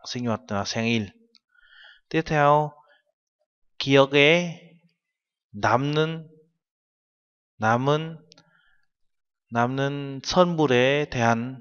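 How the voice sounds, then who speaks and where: A man's voice: mid-range voice, a bit bright. A man giving a classroom-style language lesson. He walks through each term patiently, translating it word by word. The recording sounds dull, with a long reverb trailing behind his voice. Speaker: Korean language teacher.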